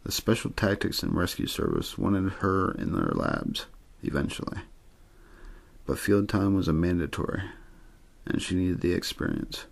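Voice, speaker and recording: Low and husky, heavy with crackling vocal fry, this amateur narrator reads a novel aloud to lull ASMR listeners to sleep. His scripted delivery has a sing-song lilt at a normal speed, yet stays understated and untheatrical, stumbling now and then.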